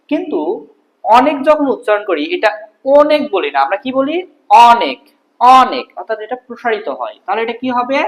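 Tutor, animated pitch, rhetorical-question teaching style. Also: rough recording. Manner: explains step by step, asks and answers own questions. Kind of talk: classroom grammar lesson.

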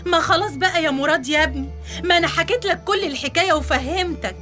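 A woman's voice: very high-pitched, quick pace, pushed and bright, faint music behind. A meddling Egyptian mother-in-law. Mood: cajoling. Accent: Egyptian Arabic. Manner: scolding and cajoling.

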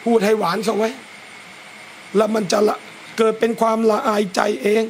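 High-voiced man giving a lively sermon. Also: normal speed, a little hiss or hum. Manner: lively, talks straight to listeners and acts out scolding parents. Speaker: Islamic religious teacher. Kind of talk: religious lecture to a gathering. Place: a private home gathering.

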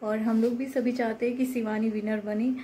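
A woman's voice: fairly high pitch, level tone, moderate pace, mellow, a little hiss or hum, low-quality recording. A woman vlogger, giving her opinion in a casual, emphatic and indignant way, repeating her points. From Uttar Pradesh, India.

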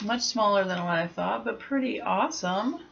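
In a small room at home, a young adult woman with a medium-pitched voice and vocal fry chats her way through a casual unboxing review, thinking aloud at a moderate pace. The sound is lo-fi, with background noise.

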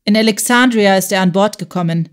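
Casting: gesprächiger Schiffskellner, von einer Sprecherin gelesen, sachlich, Hörbuch. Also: female voice, mid-range voice, fairly quick, lightly acted. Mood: chatty. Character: ship's waiter, grown man, gossipy.

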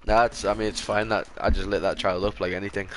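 A man's voice: fairly low pitch, flat delivery, fairly quick, a bit bright, a little hiss or hum. A man hosting casual gameplay commentary, joking crudely with his friends. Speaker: gamer host.

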